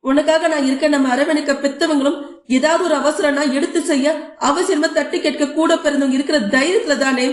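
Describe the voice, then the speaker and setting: A woman's voice: high voice, fairly even intonation, a little fast, roomy sound, lightly acted. A woman voicing a hurt married daughter who asks her father pleading, reproachful questions in an audio novel.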